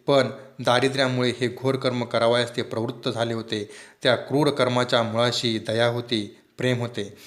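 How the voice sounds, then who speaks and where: A man reading a book aloud in an expressive storytelling manner, lifting and dropping his voice with the story. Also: mid-range voice. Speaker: reader.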